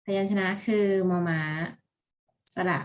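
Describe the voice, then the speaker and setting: A woman teaching a primary school class in a casual recorded lesson from home, talking informally with self-correcting asides. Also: takes it slowly. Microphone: computer recording with screen and mouse.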